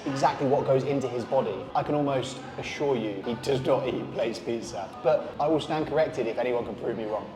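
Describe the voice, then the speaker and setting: A young man vlogging in a loose, jokey way, tossing out offhand opinions about the food he tries. His pitch sits at an ordinary middle level. Clear background music runs under his voice the whole time. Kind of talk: casual travel vlog chat.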